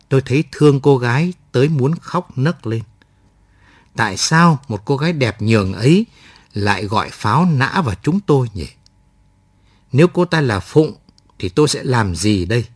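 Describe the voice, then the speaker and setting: A man's voice: mid-range voice, no echo. A man narrating a first-person war story aloud in a reflective storytelling manner. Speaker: audiobook narrator.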